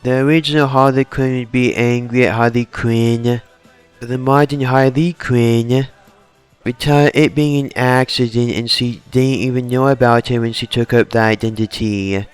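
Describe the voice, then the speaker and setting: A man's voice: medium pitch, steady tone, moderate pace, smooth, faint music behind. Man rambling through fan story ideas. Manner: rambling run-on sentences, hypothetical "would".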